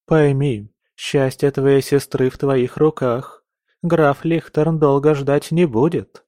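A man's voice: mid-range voice, steady tone, slow pace, warm tone, no room sound, studio quality, voice pushed up, close to an everyday voice. A man voicing a noble mother who soothes her daughters but lays down the law firmly. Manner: soothing yet firm and commanding. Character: stern, fussy noble mother of two daughters.

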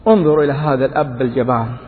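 A man preaching a fervent sermon to a large crowd, his voice climbing to high, emphatic peaks. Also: steady tone, rapid-fire. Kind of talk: impassioned sermon. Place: large lecture hall before a crowd. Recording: tinny phone-like sound with long hall reverb.

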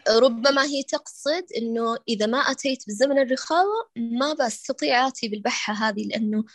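A woman's voice: on the high side, a little fast, no echo. A woman moderating an online lesson, politely reading out students' questions.

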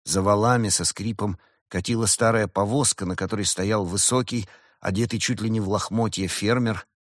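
A man reads an audiobook in an expressive, storytelling style, his voice on the low side at a moderate pace. The recording is studio quality with no room sound.

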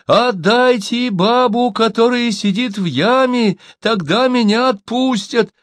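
A man voicing a cowardly, fat male captive who whines, begs and flatters in a shrill voice. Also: moderate pace, dry recording, lightly acted. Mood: fawning. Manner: shrill, whining, fawning.

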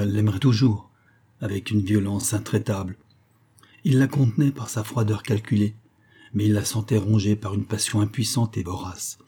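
Un homme lit un roman classique en livre audio, sur un ton posé et expressif. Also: male voice, on the low side, husky. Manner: measured, expressive literary reading. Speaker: narrator. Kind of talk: audiobook reading of a classic novel.

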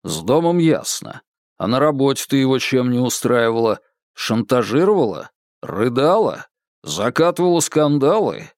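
A burly man who is quick to anger, voiced by a male reader in an audiobook. His speech swings widely in pitch and sounds dry and close to the mic. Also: sing-song, darkish tone, no room sound, close to an everyday voice. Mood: angry. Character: gruff, hot-tempered big man. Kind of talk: audiobook character voice.

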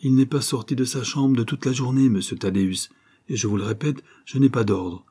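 Man putting on gruff porter guy, old wrestler, broad and stubborn, kinda husky and dark, talks curt and raised. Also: medium pitch, steady tone, moderate pace, natural voice. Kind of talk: audiobook character voice.

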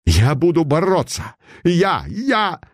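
A man voicing a desperate adventurer posing as a prince, high-strung and pleading, in a dry recording. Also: expressive, normal speed, darkish tone, no room sound, natural voice. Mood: frantic.

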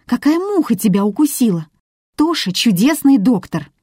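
Woman playing a high-voiced, indignant young woman, audiobook. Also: very animated, normal speed, mellow, slightly rough, dry recording, studio quality. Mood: pleading. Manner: indignant, exclaiming.

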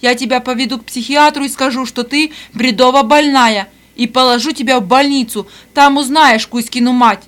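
A woman reading an audiobook voices a domineering middle-aged mistress who shouts and scolds harshly. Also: high-pitched, fairly quick, voice pushed up. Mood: shouting furiously.

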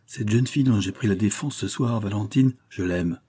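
A man playing a hot-blooded young nobleman, pleading and vehement, in a voice lifted above the reader's low tone. It keeps a breathy, mellow grain. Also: moderate pace. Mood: earnest. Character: young male nobleman, passionate, stubborn lover.

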